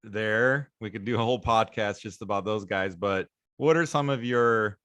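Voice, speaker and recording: A man in his thirties hosting a podcast, talking calmly and reflectively with frequent affirmations. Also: on the low side, normal speed, no echo, clean studio sound. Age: 30s. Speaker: podcast host, naturopathic doctor. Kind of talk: casual interview chat.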